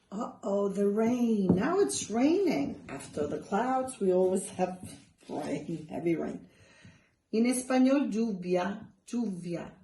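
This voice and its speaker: A woman teaching a bilingual children's lesson, drawing words out slowly for little ones to repeat, with playful gasps of surprise. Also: mid-range voice, sing-song, echoey room, slight background noise, rough recording. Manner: slow, gently drawn-out words for children to repeat.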